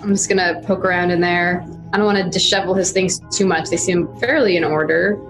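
A woman's voice: fairly low pitch, steady tone, a little fast, music in the background, poor audio. A woman taking part in a tabletop game with playful, curious remarks. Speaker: player.

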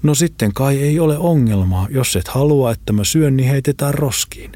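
A man's voice: expressive, dark tone, no echo, lightly acted. A man voicing a meek, placating male accomplice in a raised voice. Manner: placating, higher-pitched.

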